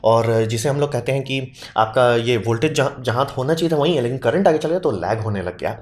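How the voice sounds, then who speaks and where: A man's voice: mid-range voice, fairly quick. A man giving a casual, chatty science lesson, playful and full of homely comparisons. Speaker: science educator.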